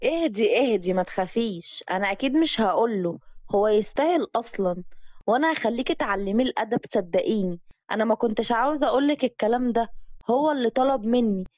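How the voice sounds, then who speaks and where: A woman's voice: a little high, animated, fast, darkish tone, dry recording. A woman with an Egyptian accent voicing a sly, scheming young woman who talks in a confiding way. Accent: Egyptian Arabic. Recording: dull dry lo-fi recording.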